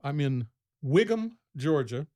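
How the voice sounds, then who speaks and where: A man's voice: a little high, sing-song, takes it slowly, warm tone. A man, a podcast guest, telling a long story casually, rambling and acting out what people said. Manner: rambling, acts out quoted speech in a raised voice.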